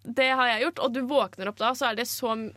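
A woman's voice: fairly high pitch, fairly even intonation, fairly bright tone, dry recording, studio quality. A young woman in her twenties hosting a radio show, telling candid, self-mocking stories in casual chat. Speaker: radio host. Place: radio studio.

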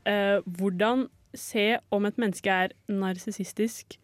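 A woman's voice: medium pitch, fairly even intonation, no echo. A woman hosting a casual radio chat in a studio, chatty and laughing along as she leads the segments. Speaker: radio host.

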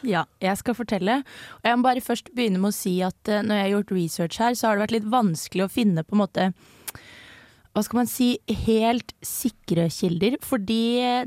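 A woman's voice: medium pitch, a little mellow, no room sound. A young woman from Norway co-hosts a casual student radio show. She explains at length, hesitating and correcting herself as she goes, and her voice sits in the middle of the range. The studio sound is dry and close. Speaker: co-host presenting research.

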